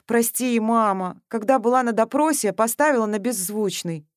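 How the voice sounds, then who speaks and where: A woman voicing a plucky, matter-of-fact young woman who gives quick, plain explanations. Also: on the high side, no echo, studio quality, voice pushed up, lightly acted.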